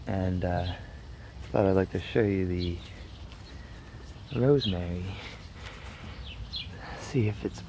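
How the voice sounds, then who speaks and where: A man with a fairly low voice and plenty of gravelly fry talks casually as he shows a garden. He is laid-back and loosely profane. The recording is outdoors, with clear ambient noise behind him. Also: takes it slowly, long pauses, dark tone. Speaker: gardener vlogger. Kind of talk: casual walk-and-talk garden vlog.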